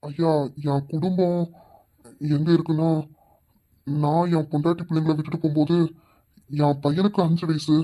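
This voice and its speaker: A woman voicing an older man who slowly recounts leaving his wife and children. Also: sits low, steady tone, dark tone, voice pushed down. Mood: weary. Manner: slow, halting storytelling. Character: older man, slow, weary, recalling leaving his family.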